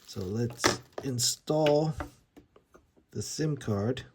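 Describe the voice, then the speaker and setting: A gear reviewer gives a casual, hands-on unboxing and setup demonstration, informal and a little hesitant as he thinks aloud. His medium-pitched voice is very slow, and there's a little hiss or hum on the audio.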